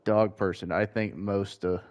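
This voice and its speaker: A man with a mild Southern US accent, chatting with viewers in a relaxed, rambling way while gaming. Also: lowish voice, measured pace. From Georgia, US. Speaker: gaming streamer. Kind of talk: casual chat while gaming.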